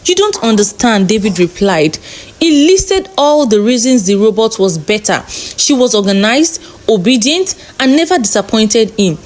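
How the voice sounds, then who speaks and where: A woman storyteller narrates a storybook in an expressive, lilting way. Her voice sits fairly high and rises and falls in a very lively manner. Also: moderate pace.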